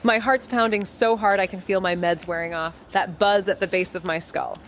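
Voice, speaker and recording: An actress plays Amy, a fierce, sarcastic, foul-mouthed young detective, narrating a noir audio drama in the first person. Her mid-range, fairly bright, natural voice keeps a steady tone at a moderate pace, with a little hiss or hum, while she sounds anxious, sardonic and blunt, rambling and cutting herself off.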